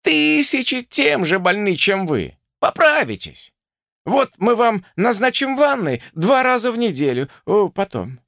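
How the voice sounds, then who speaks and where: A man's voice: sits high, very animated, unhurried, creaky, a bit bright, no room sound, studio quality, voice pushed up, exaggerated voice. A man voicing a cheerful, indifferent professor doctor who talks down to a patient as if to a small child. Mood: breezy. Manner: breezy, patronizing, as if to small children.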